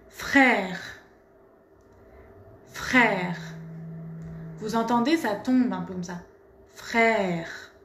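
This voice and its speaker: A woman's voice: medium pitch, reverberant, a little hiss or hum. A woman teaching pronunciation, carefully articulating and repeating each word. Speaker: French teacher. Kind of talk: pronunciation lesson.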